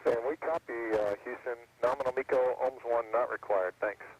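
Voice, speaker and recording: Male astronaut on space radio; raspy, quick-fire acknowledgements, dry sound. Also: mid-range voice, no echo, dull audio. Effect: space-to-ground radio transmission.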